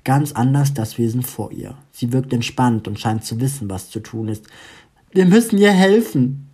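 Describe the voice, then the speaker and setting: Man, storyteller, expressive reading, mellow dark tone. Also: medium pitch, moderate pace, breathy edge. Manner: expressive narration.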